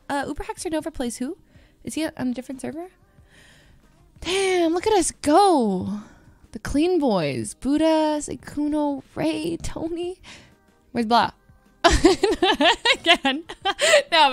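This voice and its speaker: A woman's voice: sits high, fairly bright tone, no echo. A woman livestreamer giving casual reaction commentary over livestream headset audio, giggling as she reads names aloud. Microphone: headset mic.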